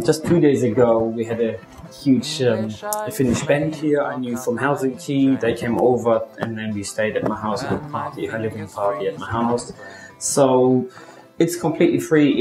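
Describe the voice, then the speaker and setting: Male interviewee, local organizer, chatty and halting, roomy sound, music clearly underneath. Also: medium pitch. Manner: chatty, searching for words. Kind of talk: documentary interview.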